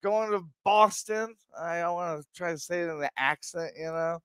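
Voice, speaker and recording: A man talking as a guest on a chat show, excitable and rambling. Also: fairly high pitch, normal speed, clear, resonant tone, no room sound. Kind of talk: casual chat.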